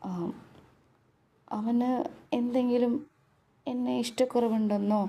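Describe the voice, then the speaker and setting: A woman's voice: fairly high pitch, flat delivery, slow, warm tone, voice pushed up. A woman voicing a coaxing, whiny young wife. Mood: pleading. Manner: pleading, babyish coaxing.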